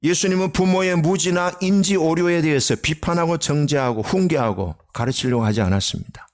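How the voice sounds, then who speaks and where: Speaking fairly quickly, a man gives a Sunday sermon as pastor inside a church sanctuary. He asks the congregation rhetorical questions, shifting from loud outbursts to soft, low remarks.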